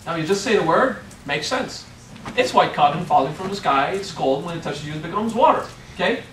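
In a hotel meeting room, a French-accented spiritual teacher in middle age runs a playful workshop, peppering it with "okay?". He speaks fairly quickly in a high, fairly bright voice with lively intonation. The far-off camera yields an echoey sound with a little hiss or hum.

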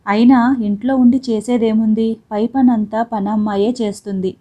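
A woman reading the part of an elderly, ailing father-in-law who speaks softly and wearily. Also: on the high side, fairly even intonation, normal speed, natural voice. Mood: weary. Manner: soft, tired pleading.

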